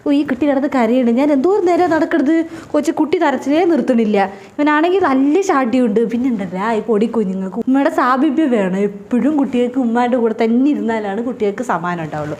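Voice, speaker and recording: A woman's voice: a little high, expressive, fast, a little mellow, lightly acted. A woman playing a dramatic, bossy older mother-in-law in a comedy sketch. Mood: fussing. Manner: dramatic, scolding and gushing by turns.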